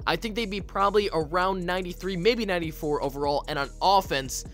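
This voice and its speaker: A man's voice: sits high, fast talker, a bit bright. A man hosting a gaming video, giving casual, opinionated commentary as he thinks aloud. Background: music.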